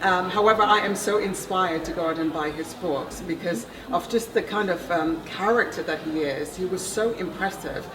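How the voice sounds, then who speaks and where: A woman attending a conference, giving thoughtful feedback in an interview with frequent pauses. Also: lowish voice, noisy background. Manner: thoughtful, measured, frequent ums. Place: busy conference venue. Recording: roomy, distant, loud crowd behind.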